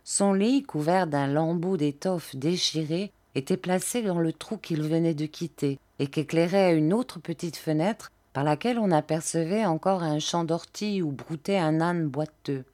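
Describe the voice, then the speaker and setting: A woman reading a classic novel aloud as an audiobook narrator, steady and measured. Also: sits low. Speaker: audiobook reader.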